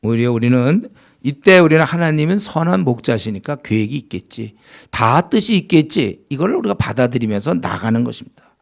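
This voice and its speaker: A man's voice: medium pitch, very animated, a little fast, gravelly. A man preaching a sermon as pastor, in a conversational style that acts out complaining believers in a raised voice.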